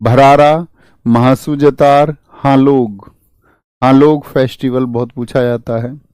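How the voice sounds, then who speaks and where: Emphatic Hindi coaching teacher, mellow voice. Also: male voice, mid-range voice, steady tone, slow, smooth, no echo. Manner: emphatic, asks the class questions and drills memory tricks. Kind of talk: classroom lecture with mnemonics. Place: classroom with a board.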